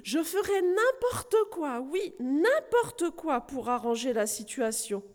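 A woman voicing a grumpy, selfish knight who shouts and pleads loudly. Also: sing-song, takes it slowly, big-room sound, full character voice. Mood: desperate. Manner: shouting, high-pitched.

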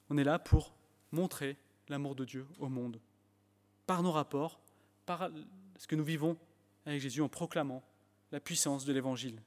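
A man preaching a sermon in French with an English accent, emphatic at times and restarting his phrases with fillers. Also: on the high side. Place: church hall. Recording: long church hall reverb.

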